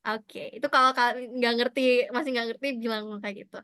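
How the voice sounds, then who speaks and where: A woman leads an online language lesson with a high, bright voice and a smooth, crisp tone. She talks in a chatty, encouraging way, cheering her students on. The recording is dry and close. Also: fairly even intonation, brisk, no echo. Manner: chatty, encouraging, mixes in English and Japanese praise. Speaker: Japanese language teacher. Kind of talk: online class instruction.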